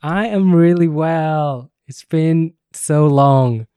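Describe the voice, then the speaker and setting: A man's voice: fairly high pitch, takes it slowly, mellow, smooth, dry recording. A man, hosting a podcast in casual chat and laughing often. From England. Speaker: podcast host.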